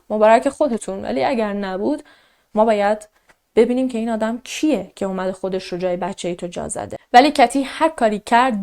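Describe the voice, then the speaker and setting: A woman casually narrating a true crime case, quoting the people involved as she goes. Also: medium pitch. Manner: animated, quotes characters in a raised voice.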